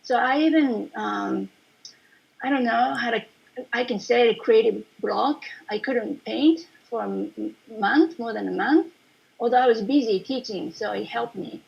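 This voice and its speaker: A woman from Japan, a painter, giving a casual online presentation over a video call, talking in a chatty way with many fillers and soft laughs. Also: on the high side, a little slow, vocal fry, breathy edge, muffled recording. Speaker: watercolour painter presenting her work.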